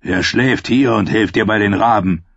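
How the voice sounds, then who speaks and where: A cynical old archmaester speaks with dry, unhurried menace, as a male reader puts him on. His voice is low and gravelly with a husky edge. The recording is dull and lo-fi with no room sound. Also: a bit bright, dry recording, exaggerated voice. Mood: sardonic.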